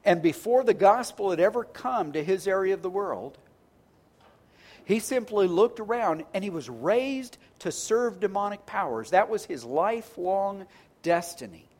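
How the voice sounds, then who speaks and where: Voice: mid-range voice, big pitch swings, unhurried, darkish tone. A pastor preaching a sermon in a conversational, earnest way, often restarting words and stacking phrases into lists.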